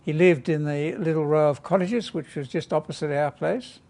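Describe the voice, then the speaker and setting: Elderly man, slightly high voice, measured recollection. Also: a little mellow. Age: 80s. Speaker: oral history interviewee. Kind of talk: reminiscing.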